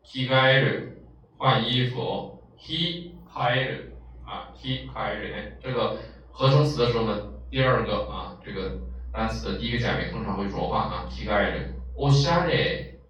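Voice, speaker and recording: A man's voice: lowish voice, expressive, normal speed, a bit bright, a little hiss or hum. Lecturing man in an echoey room. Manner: explains patiently, many filler "ah"s. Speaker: Japanese language teacher. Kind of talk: vocabulary lesson lecture. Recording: echoey, distant, dull lo-fi room.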